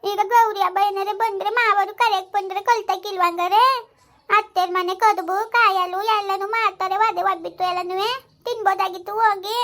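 A woman's voice: extremely high pitch, steady tone, normal speed, fairly bright tone. A woman playing a sulky young village daughter who pleads and complains in a comic skit. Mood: whiny. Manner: whining, pleading.

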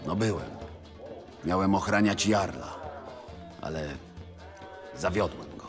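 An actor playing a sullen, defeated former bodyguard in a fantasy game, curt, weary and morose. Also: male voice, low-pitched, lively intonation, slow pace, over music. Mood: bitter, weary. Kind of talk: fantasy video game voice acting.

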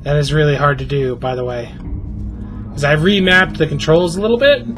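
A middle-aged man streaming a horror game, muttering nervously and excitedly with frequent exclamations in casual commentary. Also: on the high side, a little fast, music in the background. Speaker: gaming streamer.

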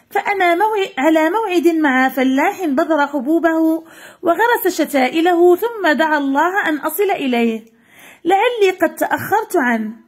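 A woman voicing a joyful female cloud in a children's story, speaking with excited eagerness. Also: very high-pitched. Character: joyful female cloud carrying rain to a farmer.

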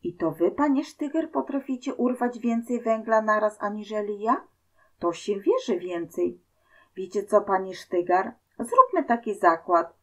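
A crafty, boisterous coal miner, as a woman reads him aloud. He teases and mocks in a slightly raised voice. A storybook tale told slowly. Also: mid-range voice, lively intonation, fairly bright tone. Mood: sly. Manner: mocking, boisterous dialect speech.

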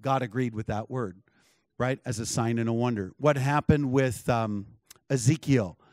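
A man preaching a sermon, telling a story with lively acted-out dialogue and frequent chuckles. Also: medium pitch, moderate pace, dry recording, clean studio sound. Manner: animated, acts out dialogue, chuckles often. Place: church.

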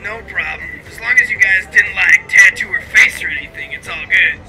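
Man on speakerphone, high voice, deadpan teaser, loud music underneath. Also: fairly quick, rough recording. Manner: joking, teasing deadpan. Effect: heard over a phone speakerphone. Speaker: boyfriend on the phone. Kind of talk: casual phone banter.

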